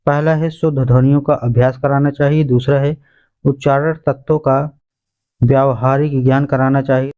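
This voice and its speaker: A man's voice: mid-range voice, flat delivery, moderate pace, dull audio. A male teacher going through exam questions and answers point by point, calling his listeners friends. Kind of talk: exam revision lesson.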